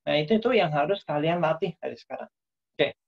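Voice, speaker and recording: A man's voice: fairly high pitch, animated, fast talker, vocal fry, slightly rough. A man giving a casual online workshop lecture, full of fillers and tag questions. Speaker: workshop presenter. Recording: dull lo-fi online call audio.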